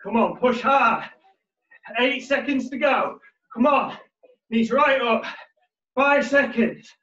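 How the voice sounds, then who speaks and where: A man's voice: very high voice, slow pace, pushed and bright. A man in his thirties, a personal trainer leading a workout while exercising, energetically pushing people on in short gym-bro commands. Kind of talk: live workout instruction. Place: living room, indoors. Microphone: far camera mic across the room. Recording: roomy, muffled, distant home camera audio.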